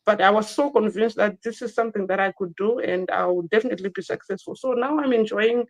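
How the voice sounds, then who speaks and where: A Zimbabwean woman in her thirties tells her personal story as a guest in an online interview, speaking earnestly and often repeating herself. Her voice is medium in pitch and her pace is quick.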